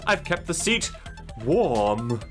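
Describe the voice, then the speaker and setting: A man's voice: on the high side, sing-song, takes it slowly, a bit bright, soft background music, pitched above the performer's own voice, heavily acted. A man voicing a creepy, fawning male robot servant that speaks with prim, eerie politeness. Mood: eerily polite.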